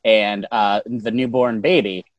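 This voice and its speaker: A man in his early thirties on a podcast, joking dryly with deadpan timing. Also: on the low side, no room sound. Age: 30s. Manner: dry, deadpan joking with "uh" pauses. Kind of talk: casual chat.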